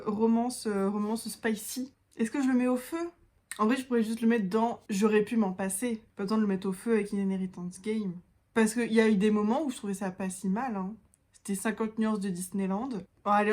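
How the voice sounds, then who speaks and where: A woman's voice: fairly high pitch, a little mellow. A woman book vlogger chatting casually through a tier-list review of her reads, thinking aloud with hesitations, enthusiastic and self-mocking.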